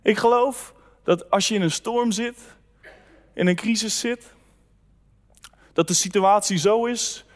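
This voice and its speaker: A man's voice: sits high, long reverb tail. A man preaching a casual, conversational sermon and reading scripture aloud to his congregation. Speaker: pastor.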